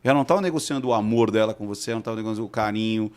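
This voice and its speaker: A man's voice: lowish voice, racing, a little mellow. A man, an expert guest in a casual interview, who explains patiently and keeps checking in with rhetorical questions.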